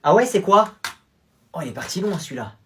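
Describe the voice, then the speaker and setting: A man's voice: high voice, sing-song, fairly quick, a bit bright, a little hiss or hum. A young man acting in a casual comedy sketch, with playful, slangy delivery.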